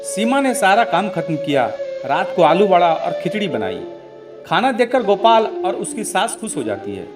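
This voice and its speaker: High-voiced male storyteller. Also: moderate pace. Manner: steady, explanatory storytelling. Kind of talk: scripted story narration. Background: soft instrumental music.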